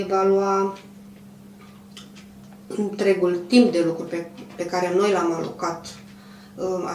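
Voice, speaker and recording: A woman in her fifties who runs a clothing manufacturer, answering an interview in a measured, hesitant way with many pauses. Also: mid-range voice, darkish tone. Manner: measured, hesitant, frequent pauses and throat clearing. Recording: roomy, distant mic, faint hum.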